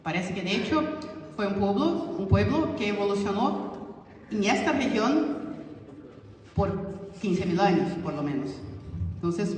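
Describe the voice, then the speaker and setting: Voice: medium pitch, darkish tone. A researcher giving an informal talk to a community audience, explaining findings with frequent restarts and rephrasing. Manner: explanatory, many restarts and fillers like "o sea" and "es decir". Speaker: researcher presenting study results. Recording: echoey hall heard from far off, faint noise.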